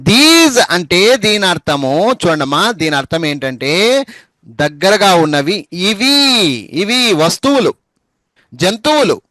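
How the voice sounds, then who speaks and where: Guy teaching english, high voice, spells stuff out slow and repeats it, dry close sound. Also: bright, forceful tone, no echo. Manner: patient and repetitive, spells words letter by letter. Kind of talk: spoken English lesson over a group call.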